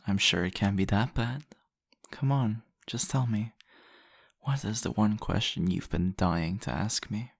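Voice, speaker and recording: This intimate ASMR roleplay has a man voicing a seductive, possessive vampire, his husky, gravelly tones on the low side as he teases and murmurs with deliberation. It's heavily acted, with studio quality and no echo.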